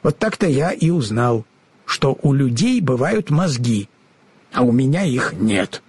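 A man's voice: medium pitch, big pitch swings, unhurried, a little mellow, slightly rough, no echo. A man voicing a kind, naive talking scarecrow who stammers and mixes up his words in an audiobook. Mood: earnest. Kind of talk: audiobook character voice.

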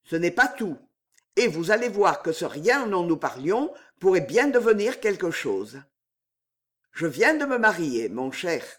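A calm, commanding gentleman, read by a man persuades smoothly and confidently. The voice is high and lively in pitch, and the delivery is unhurried. It is an audiobook reading. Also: exaggerated voice. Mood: assured.

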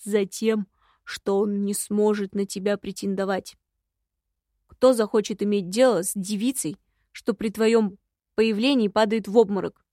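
A woman's voice: mid-range voice, fairly even intonation, measured pace, dark tone, dry recording, studio quality, natural voice. A woman reading an audiobook voices a fussy, scolding male imp that looks like a hare, nagging in an exasperated tone.

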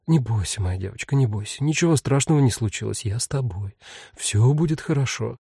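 A man doing a firm, steady mother. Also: brisk, slightly rough, dry recording, studio quality. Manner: low, firm, soothing.

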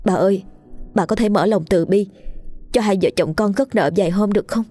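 A woman's voice: medium pitch, fairly quick, dark tone, no room sound, soft background music, natural voice. A woman voicing a poor young wife who begs humbly and urgently. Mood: pleading. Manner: begging, tearful pleading.

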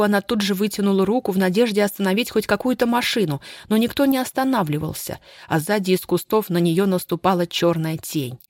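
An audiobook narrator reading a thriller in a steady, measured way. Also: medium pitch, no room sound, studio quality. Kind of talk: scripted narration.

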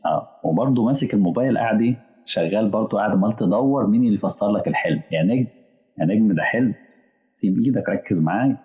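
A man's voice: fairly low pitch, lively intonation, racing, in a large hall, highs cut off. A man with an Egyptian accent preaching a colloquial sermon, acting out back-and-forth dialogues with imagined listeners. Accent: Egyptian Arabic.

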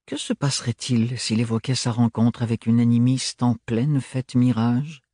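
A man narrating a novel as an audiobook in a measured, even storytelling manner. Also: mid-range voice, dry recording, studio quality. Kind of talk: scripted narration.

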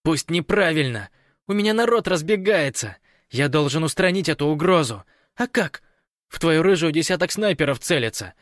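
A man voicing a furious, bossy male ruler who shouts and snarls, in an audiobook. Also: medium pitch, big pitch swings, moderate pace, few pauses, no echo, clean studio sound, voice pushed up. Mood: furious shouting. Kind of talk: audiobook character voice.

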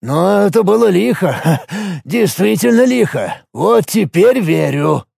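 A man's voice: sits high, very animated, gravelly, darkish tone, slightly rough, no echo, clean studio sound, voice pushed up, heavily acted. A man reading an audiobook, voicing a serious, wary man who weighs his words. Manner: measured, serious.

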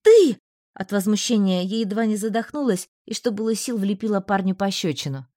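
A woman narrating a first-person novel in an even, measured reading. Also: mid-range voice, dry recording, studio quality. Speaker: audiobook narrator.

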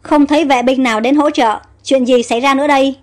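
A woman reading aloud as alarmed common soldiers shouting warnings. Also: sits high, fairly even intonation, fast, soft background music, natural voice.

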